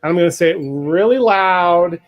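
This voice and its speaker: Speaking at a moderate pace in a high-sitting voice, this cooking show host runs a relaxed live demo from a home kitchen. His talk wanders, full of fillers and false starts, and he mentions that his voice is loud. The audio is dull.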